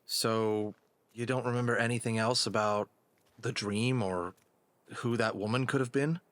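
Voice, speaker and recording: A man voicing an earnest, gentle fox detective in a hat in an audio drama. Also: medium pitch, steady tone, unhurried, no room sound, lightly acted. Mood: playful. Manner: gentle, reassuring. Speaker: voice actor.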